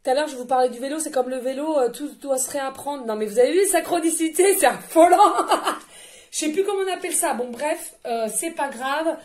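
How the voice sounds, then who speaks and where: A woman's voice: high voice, quick pace, hardly any pauses, a little mellow. A woman giving a channeled card reading, effusive and chatty, talking straight to her viewers. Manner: addresses listeners directly and often. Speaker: tarot and oracle card reader.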